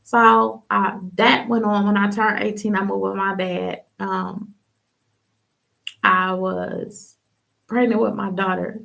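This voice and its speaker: Gravelly young woman telling her story. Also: medium pitch, little pitch movement, slow, fairly bright tone. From Ohio, US. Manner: casual, candid storytelling with slang and many fillers. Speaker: podcast host telling her testimony. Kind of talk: personal testimony on a livestream.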